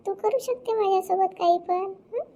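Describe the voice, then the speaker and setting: A scheming village wife, played by a woman, with an extremely high, thin voice. She coaxes in long, drawn-out phrases and keeps tagging a questioning "hm?" onto them, a broad comedy sketch character. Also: dark tone. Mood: coaxing. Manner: coaxing, drawn-out, with a questioning "hm?" after lines. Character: scheming village wife, seductive then screaming.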